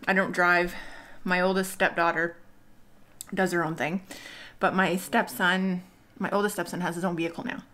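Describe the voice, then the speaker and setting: A woman's voice: medium pitch, fairly bright tone, slight background noise. A woman in her thirties chatting casually to viewers while eating at home, rambling and laughing often. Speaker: mukbang vlogger. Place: home dining room.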